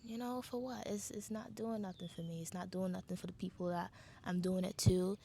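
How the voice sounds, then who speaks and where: Young Caribbean woman vlogger, husky fry, monotone delivery, faint noise behind. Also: lowish voice, brisk. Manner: candid, swears freely. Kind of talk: casual reflective monologue.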